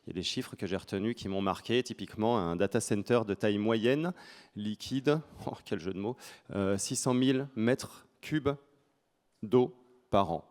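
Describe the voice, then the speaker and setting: A man's voice: lowish voice, normal speed, darkish tone. A man with a French accent giving an informal conference presentation in a colloquial, joking, self-deprecating manner. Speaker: conference speaker.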